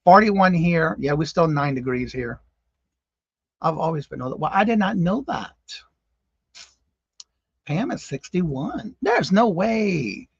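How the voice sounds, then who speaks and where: A man's voice: fairly high pitch, very animated, takes it slowly, gravelly, long pauses, husky, no echo, muffled recording. A man in his fifties hosting a casual live-stream morning show, chatting with viewers by name and exclaiming in disbelief. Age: 50s. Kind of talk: casual live-stream chat reading comments.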